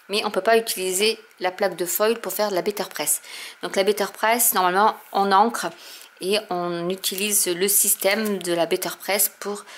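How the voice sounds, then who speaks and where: A woman's voice: mid-range voice, a little hiss or hum. A woman hosting a crafting channel, chatting casually with many fillers as she shows and explains products. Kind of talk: casual unboxing chat.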